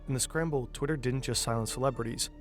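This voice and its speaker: Man, documentary narrator, mid-pitched voice, scripted storytelling delivery, music underneath. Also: fast talker. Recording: music bed behind narration.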